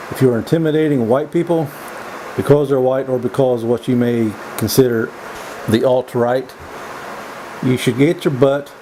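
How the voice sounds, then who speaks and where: A man's voice: medium pitch, creaky. Folksy man rambling over noisy background hum. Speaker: vlog host. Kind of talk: rambling opinion monologue, casual smoke-and-chat vlog. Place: indoors.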